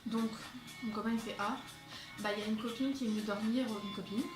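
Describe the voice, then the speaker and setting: Talking quickly with fairly even intonation, a young beauty vlogger chats to her phone camera in a skylit bedroom. Her high-ish voice is full of fillers and slightly breathless, and because the phone is held far off with no tripod, the room echoes and background music comes through.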